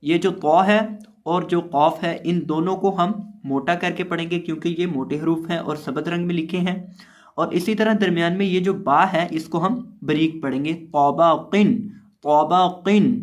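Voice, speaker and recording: A man teaching Quran reading, spelling out each letter and vowel in a slow, loud chant, with calm explanations between the drills. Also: fairly high pitch. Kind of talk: spelling-out recitation lesson.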